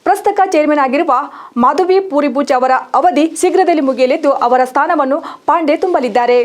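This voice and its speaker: A woman reading a scripted news report in an even, formal manner. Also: high voice, brisk. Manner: even, formal read-out delivery. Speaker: news reader.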